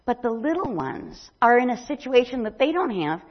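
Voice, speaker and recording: An older woman, not from Brazil, gives a chatty mission presentation at church as a missionary speaker. Her voice is fairly high and sing-song at a moderate pace, and she rambles with lots of ums. The recording sounds dull and lo-fi.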